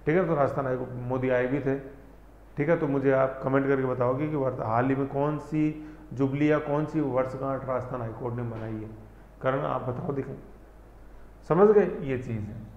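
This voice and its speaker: A man's voice: medium pitch, a little mellow. Man, teacher, exam-prep lesson, chatty check-ins, long reverb, muffled lo-fi sound. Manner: conversational, checks in constantly with "thik hai"; spells out pronunciation slowly, syllable by syllable. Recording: echoey, dull lo-fi room recording.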